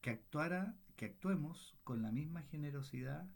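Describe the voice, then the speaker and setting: A man's voice: fairly high pitch, animated, vocal fry. A man leading a Bible study, asking the group questions and checking in with them often as he works through the passage. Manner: unhurried, thoughtful delivery with restarts.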